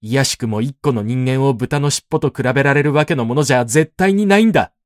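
A man's voice: a little high, lively intonation, normal speed, a little mellow, dry recording, studio quality, close to an everyday voice. A man playing a sobbing, rambling patient. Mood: ranting. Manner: sobbing, rambling, repeats himself. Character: weepy, rough-talking grown man patient.

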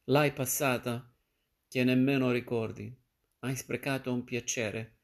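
A man reading the lines of a moody, restless woman in a novel, in his own gravelly voice. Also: mid-range voice, level tone, unhurried. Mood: teasing.

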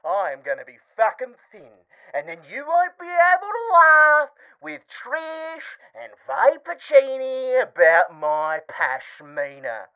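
A woman's voice: sits high, wildly swooping pitch, takes it slowly, hardly any pauses, sharp tone, clear, resonant tone, full character voice, low-quality recording. An Australian woman playing a bitter, obsessive jilted husband in a melodramatic comedy voicemail rant. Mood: spiteful. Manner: melodramatic, swinging from hiss to wail. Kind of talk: scripted comedy voicemail monologue.

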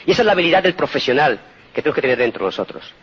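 A man's voice: on the high side, very animated, very fast, fairly bright tone, breathy edge. A man in his forties from Spain, earnestly telling his life story to an audience in a motivational talk. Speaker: speaker giving a testimonial talk. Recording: dull lo-fi recording.

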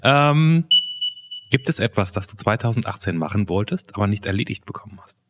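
A man's voice: fairly low pitch, lively intonation, brisk, a little hiss or hum. A man hosting a podcast, asking questions in a playful, teasing way. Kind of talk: casual podcast interview.

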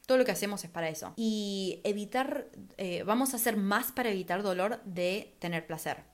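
A woman's voice: mid-range voice, normal speed. A young woman hosting a podcast, talking in a chatty, casual way and sprinkling English words into her speech. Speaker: podcast host.

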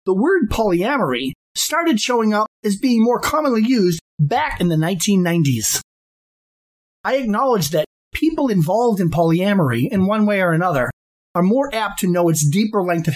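A man hosting a podcast, reading a scripted monologue in a formal, deliberate and precise way, sometimes spelling words out letter by letter. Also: sits high. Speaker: podcast host.

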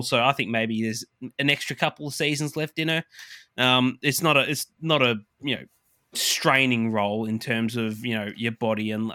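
An Australian man on a casual sports podcast who rambles and stumbles over his openings in his excitement. His voice is bright and forward. The recording is dry and close. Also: medium pitch, no echo. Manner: rambling, excitable, stammering starts. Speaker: podcast co-host.

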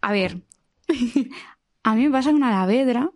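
A woman's voice: on the high side, animated, normal speed, darkish tone. A woman singer who talks in a gushing, enthusiastic way, full of fillers. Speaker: singer guest. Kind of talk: casual chat.

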